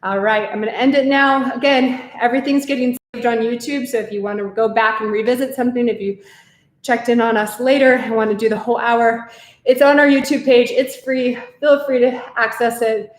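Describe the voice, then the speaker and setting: A woman's voice: fairly high pitch, steady tone, brisk. A woman teaching a live online pilates class, counting reps and cueing breaths while she demonstrates, a little out of breath. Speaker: pilates instructor. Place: pilates studio. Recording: very echoey room with faint noise.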